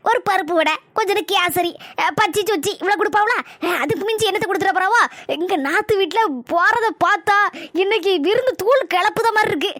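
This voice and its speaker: A woman's voice: very high voice, fairly bright tone, dry recording, clean studio sound. A woman voicing a lazy, greedy village man who whines and rambles slyly about food in a cartoon comedy. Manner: whiny, rambling, sly.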